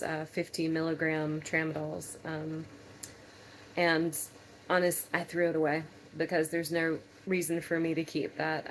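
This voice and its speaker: Tired, low-voiced woman, flat and halting. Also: slight background noise, rough recording. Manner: halting, hesitant delivery with long pauses. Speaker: patient vlogger. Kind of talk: casual personal vlog.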